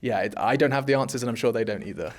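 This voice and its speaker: A man's voice: mid-range voice, racing. Chatty man, joking interview guest. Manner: chatty, self-deprecating, joking. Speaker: esports caster, guest. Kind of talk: casual interview chat.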